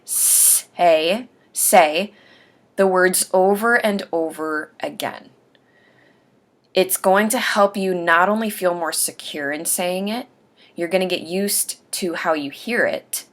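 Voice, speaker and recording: A woman with a slightly low voice speaks directly to her camera in a casual video diary, sharing advice on denture aftercare. She has a faint lisp and over-enunciates each word with deliberate care, like someone practicing her own speech while watching herself on screen through a webcam or camera mic.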